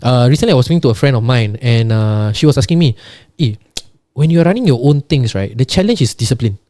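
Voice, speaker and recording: Fast-talking Singaporean man, mellow and emphatic. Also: mid-range voice, animated, dry recording, studio quality. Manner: emphatic, repetitive, often tags sentences with "right" and "lah". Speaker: podcast guest. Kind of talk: casual conversational explaining.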